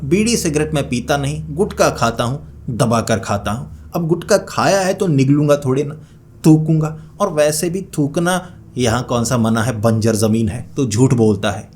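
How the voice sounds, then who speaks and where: A man voicing a rude, gruff young gutkha addict who talks bluntly and threatens people. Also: medium pitch, darkish tone, slight background noise, close to an everyday voice. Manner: blunt, rough, bossy.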